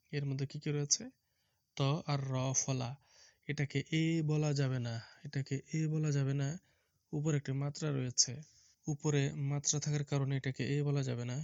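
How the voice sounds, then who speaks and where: A male teacher with a gravelly, creaky voice that stays flat and even as he patiently spells out letters and repeats each word. The recording is dry and close, with a dull, lo-fi tone. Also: mid-range voice, dry recording. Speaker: primary school teacher. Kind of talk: recorded Bengali reading lesson.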